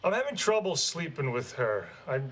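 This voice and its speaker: Whiny wisecracking husband, kinda high voice, noisy tv sound. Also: male voice, big pitch swings, moderate pace, fairly bright tone. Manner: flustered, sarcastic. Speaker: sitcom husband. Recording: noisy TV audio.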